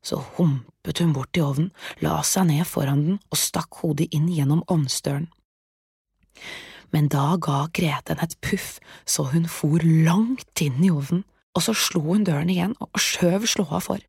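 A woman reading a fairy tale aloud in a soft, often half-whispered narration. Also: low-pitched, vocal fry, breathy edge, dry recording, studio quality. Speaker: storyteller.

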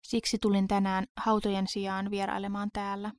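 A woman voicing a quiet, grieving widowed man in a storybook reading, speaking in a subdued, even way. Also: medium pitch, close to an everyday voice. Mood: somber.

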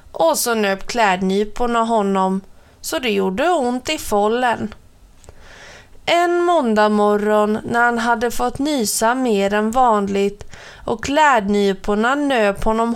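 A woman's voice: fairly high pitch, clear, resonant tone. Woman reading a children's story. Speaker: narrator.

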